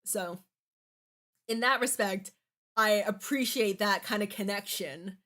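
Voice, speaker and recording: A woman anime reviewer offers casual, opinionated fan commentary in a bright, forceful tone at an average female pitch. She speaks haltingly, with false starts and lots of fillers as she works her point out.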